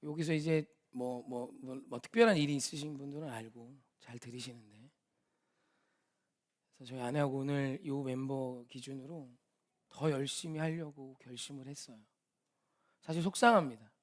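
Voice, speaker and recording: A middle-aged man preaching a sermon in a church, talking earnestly and pleading, at times rising to loud, impassioned shouting. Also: medium pitch, steady tone, moderate pace. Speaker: pastor. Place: church sanctuary.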